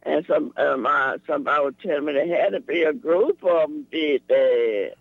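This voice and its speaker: A man's voice: on the high side, vocal fry, no echo. Man calling in over a tinny phone. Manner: halting, repeats words while searching for them. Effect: voice heard over the phone. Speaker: radio call-in caller. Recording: tinny dry phone line.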